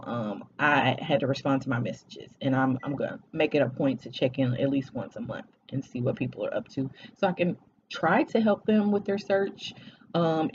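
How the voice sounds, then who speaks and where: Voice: medium pitch, lo-fi sound, a little hiss or hum. A vlogger in their forties chatting casually to camera, talking hesitantly with many fillers and restarts. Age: 40s.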